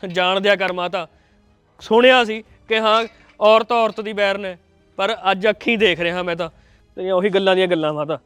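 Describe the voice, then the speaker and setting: An actor playing a frustrated grown son arguing with his mother, speaking quickly with a mocking Punjabi manner. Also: high-pitched, fairly even intonation, fairly bright tone, smooth, dry recording, soft background music.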